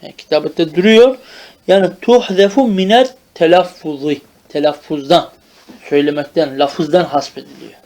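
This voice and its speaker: A man teaching Arabic grammar in a traditional madrasa style, drilling terms slowly and stopping to check that the student follows. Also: on the high side, darkish tone.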